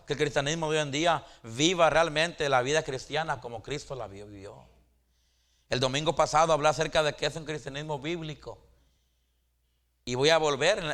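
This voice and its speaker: A middle-aged pastor preaching a sermon in a somewhat high voice. He stumbles into repeated restarts and keeps addressing his listeners as brothers. His delivery swings from raised, emphatic peaks to quiet, low asides. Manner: stammering restarts, calls the congregation brothers, pitch swings high and drops low.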